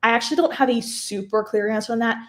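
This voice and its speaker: A woman with a voice she says she is losing, clearing her throat now and then as she casually walks viewers through software changes step by step, with lots of fillers. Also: a little high, fast. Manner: chatty, filler-heavy, explains step by step. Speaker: craft software instructor, livestream host. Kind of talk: casual live software tutorial.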